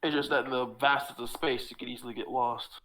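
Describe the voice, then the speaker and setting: A man running a tabletop game as game master, explaining rulings in a relaxed, plain way. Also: mid-range voice, a little fast, a little hiss or hum, low-quality recording.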